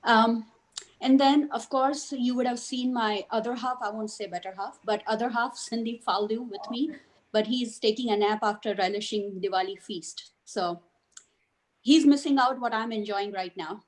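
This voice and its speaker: A woman's voice: on the high side, moderate pace, poor audio. A woman from India giving a self-introduction to a group on a video call. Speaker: call participant.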